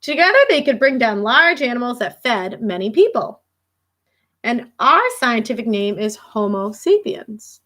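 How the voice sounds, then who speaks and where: Reading a storybook to small children, this woman teacher speaks in an unhurried, somewhat high voice. Her delivery is emphatic and full of expression, sprinkled with asides and questions for her audience.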